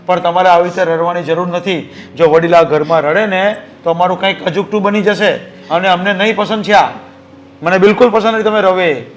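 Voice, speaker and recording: A man's voice: high-pitched, steady tone, a little fast, a little hiss or hum, lightly acted. An actor playing a grown son who earnestly reassures his elderly mother. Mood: reassuring.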